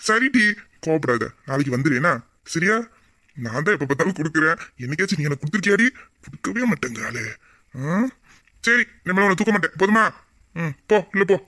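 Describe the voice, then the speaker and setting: A voice actor playing a playful young husband in a romantic audio drama, teasing and coaxing, often dropping to soft low murmurs. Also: animated, a little fast.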